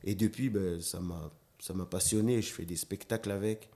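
A man, a dancer and slam artist, chatting as a guest in an interview, telling animated stories and acting out quotes, with frequent restarts. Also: low-pitched, moderate pace. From New Caledonia. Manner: animated storyteller, acts out quotes, stammers on restarts. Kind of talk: casual interview chat.

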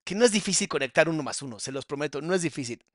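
A man's voice: a little high, expressive, dry recording. Guy hosting, sarcastic and stretched-out, dry mic. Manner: sarcastic, drawn-out emphasis. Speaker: host reacting to a guest's story. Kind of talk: podcast reaction commentary.

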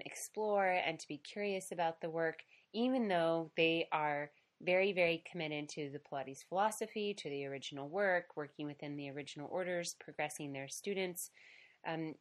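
Middle-aged woman host, low soft voice. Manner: warm, emotional, many fillers and restarts. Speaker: podcast host and Pilates teacher. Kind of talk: casual heartfelt chat. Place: Pilates studio, recording a roundtable.

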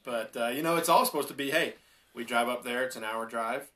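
A man in his twenties, a podcast guest, telling a story in a relaxed, rambling way with restarts. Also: medium pitch, fairly quick. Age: 20s. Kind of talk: casual storytelling chat.

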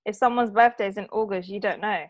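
A woman's voice: mid-range voice, steady tone, fast. A woman co-hosting a podcast, chatting casually and enthusiastically. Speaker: podcast co-host. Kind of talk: casual chat.

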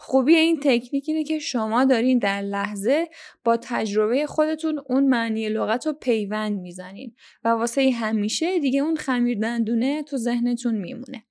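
A young Iranian woman hosting a language-learning podcast, talking listeners through tips in a clear, instructive way. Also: on the high side, darkish tone. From Iran. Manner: instructive, addresses listeners directly. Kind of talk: scripted podcast lesson.

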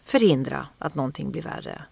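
A woman's voice: a bass voice, expressive, gravelly, a little mellow, slightly rough, dry recording. A woman, an actress, telling a story in casual podcast chat, vividly acting out the quotes.

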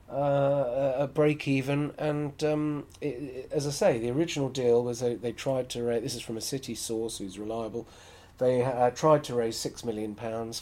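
A man's voice: medium pitch, darkish tone. A man hosting a solo podcast, talking frankly and with strong opinions as he thinks aloud. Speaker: podcast host.

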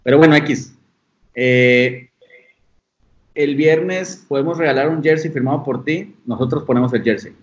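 A man's voice: a little high, a little slow. A man with a Mexican accent asking questions in a casual, chatty interview. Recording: dull lo-fi audio.

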